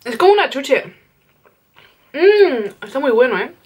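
High-voiced Spanish woman, mouth half full. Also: big pitch swings, measured pace, a little mellow, muffled recording, slight background noise. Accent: Spain Spanish. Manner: chatty, giggly. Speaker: vlogger. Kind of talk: casual food-tasting chat.

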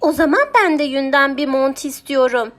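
A woman voicing a vain, stubborn female cow who exclaims loudly and whines in drawn-out words, in a children's audiobook. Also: high voice, soft background music, pitched above the performer's own voice.

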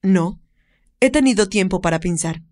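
Casting: calm, tender father, acted by a woman narrator, soft and lowered voice. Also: normal speed, close to an everyday voice. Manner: low soft voice.

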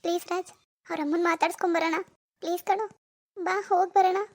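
A woman voicing a tender-hearted young wife who grieves and pleads with her husband in an animated village drama. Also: very high-pitched, quick pace. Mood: pleading. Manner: tearful, pleading.

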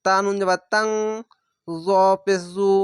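A man teaching Quran reading, with a Bangladeshi Bengali accent, who spells out each syllable slowly and stretches the vowels. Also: high-pitched, fairly even intonation, fairly bright tone, clear, resonant tone, no echo, studio quality. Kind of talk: spelling-out recitation lesson.

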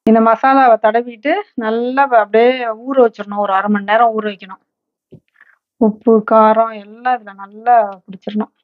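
A woman hosting a home cooking channel, calmly walking through each step and ingredient. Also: on the high side, moderate pace, no echo, narrow, tinny audio. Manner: calm, instructive, listing ingredients steadily. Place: home kitchen.

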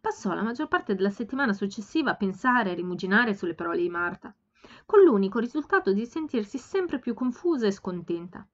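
A woman narrates a novel in a calm, steady storytelling voice. Her pitch is ordinary and mid-range. The slightly dull home recording softens the top end. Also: brisk. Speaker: amateur audiobook reader. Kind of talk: audiobook narration.

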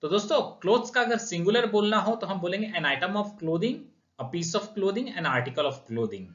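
A man with an Indian accent teaching English grammar in Hindi, calling viewers friends, asking and answering his own questions and reading example sentences slowly. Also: high voice, expressive, a bit bright. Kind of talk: grammar lesson explaining rules with examples. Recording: echoey room, dull lo-fi sound.

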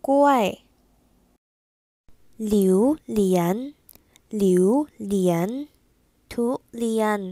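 Very slow, emphatic woman pronunciation drill. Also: medium pitch, warm tone, dry recording, clean studio sound. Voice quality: emphatic, drawn-out words said twice for repetition. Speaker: language teacher leading a repeat-after-me drill.

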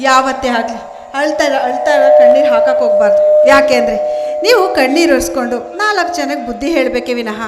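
An actress playing a young daughter who gently coaxes her grieving father in a village stage drama. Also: high-pitched, big-room sound, natural voice. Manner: gentle, coaxing.

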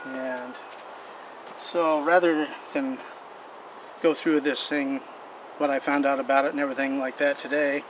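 An older male collector of vintage equipment hosts his channel from an overgrown backyard, doing casual show-and-tell. His medium-pitched voice is flat and even, and he's folksy and rambling, often restarting sentences. A camera mic several feet away records him outdoors, with a steady hum behind.

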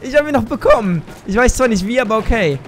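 High-voiced excitable gaming man. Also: fast, faint music behind. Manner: excitable, exclaiming and cursing mid-game. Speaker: gaming YouTuber. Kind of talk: live let's play commentary.

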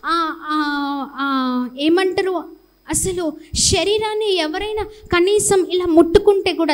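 A woman preacher with a Telugu accent delivers a fervent sermon in a high, bright voice. She calls out hallelujahs and amens and keeps asking her listeners questions. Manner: impassioned preaching with repeated hallelujahs and rhetorical questions.

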